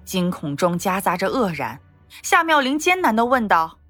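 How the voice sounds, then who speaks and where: A woman reads a period novel aloud as an audiobook, her voice rising and falling with lively intonation. Her pitch sits in the middle range, and soft music plays faintly behind her. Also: moderate pace, no echo. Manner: expressive storytelling, lively intonation. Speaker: narrator. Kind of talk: scripted audiobook narration.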